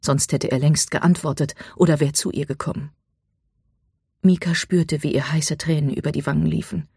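An audiobook narrator reading a dramatic story, dropping to a hush at tense moments. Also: medium pitch, steady tone, normal speed, breathy edge, no room sound, studio quality.

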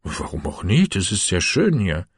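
A curt, impatient young husband, as the narrator plays him, brushing off reproach in a husky voice pitched slightly lower than his narration. His replies are short and defensive. Close, dry audiobook recording. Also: wildly swooping pitch, moderate pace, dry recording, exaggerated voice. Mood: dismissive. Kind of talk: audiobook reading.

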